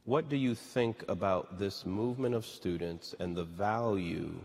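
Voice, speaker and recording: A male moderator with a very low voice poses questions in a measured, polite way. The long reverb of a large hall hangs around his words. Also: a little mellow. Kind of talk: moderating a public conversation.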